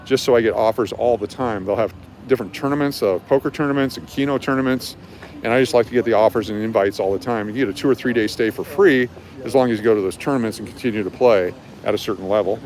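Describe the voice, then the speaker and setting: Speaking quickly in a lowish, somewhat mellow voice, this livestream host guides a nighttime walking tour through the city. His explanations are relaxed and informal, and traffic noise from the outdoor street fills the recording.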